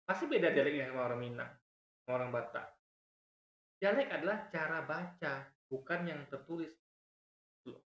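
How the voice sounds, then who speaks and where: A man delivers heated reaction commentary, breaking in with repeated asides and sudden leaps in pitch. His voice rings around a bare, echoey room. He explains the same point again and again to press it home. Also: expressive, moderate pace, pauses often, a bit bright.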